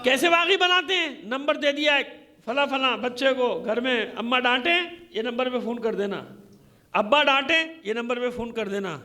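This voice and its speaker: At a moderate pace, a man with a very high, sharp-toned voice delivers a fervent Shia sermon to a gathering in a congregation hall. He is from Pakistan, and his preaching is emphatic and repetitive, with rhetorical questions.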